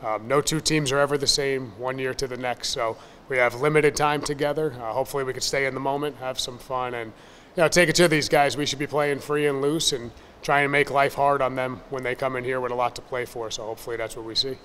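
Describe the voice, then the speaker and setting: A man in his thirties, a baseball coach, answering questions at a postgame press conference in a measured, upbeat, plain-spoken way from a table mic. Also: medium pitch, fairly even intonation, fairly bright tone, big-room sound, slight background noise. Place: press room in front of a sponsor backdrop. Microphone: table mic on a stand.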